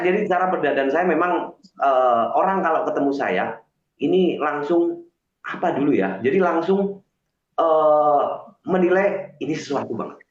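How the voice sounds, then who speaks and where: A man telling a story earnestly on a live stream. He hesitates often and restarts his sentences with many fillers. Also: fairly high pitch. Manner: earnest and confessional. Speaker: guest on a live stream, self-styled healer. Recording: echoey, dull lo-fi stream audio.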